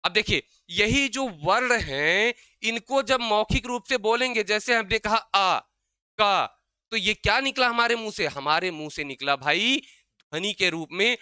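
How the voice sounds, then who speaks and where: A young man teaching an exam-prep grammar lesson. He keeps asking his own questions and answering them, and he slows down to spell out sounds. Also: high voice, pushed and bright, smooth, dry recording.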